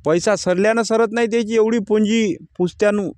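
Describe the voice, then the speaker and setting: A man's voice: high-pitched, steady tone, a little fast, a little mellow, no room sound. A man, a farmer vlogging casually from his field and speaking bluntly about crop prices. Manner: plain-spoken, rising to angry complaint. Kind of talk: casual vlog talk to camera. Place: outdoors in a farm field.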